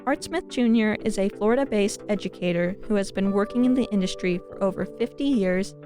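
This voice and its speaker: Host: woman, mid pitch, eager interviewer, faint music underneath. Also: a little fast. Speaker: podcast host. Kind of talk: interview podcast.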